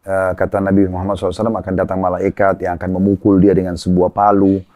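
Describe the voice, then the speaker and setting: A man, an Islamic preacher, calmly explaining religious teaching in conversation and citing sayings point by point. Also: deep voice, dry recording. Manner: calm, measured, cites hadith and lists points.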